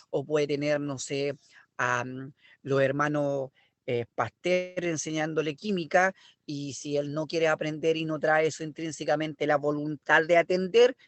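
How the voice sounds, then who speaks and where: Chilean guy teaching a language class, keeps asking if you get it, kinda high voice, dry sound. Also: no echo. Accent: Chilean Spanish. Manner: explanatory, checks understanding with "¿ya?" and "¿me explico?". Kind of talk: online class lecture.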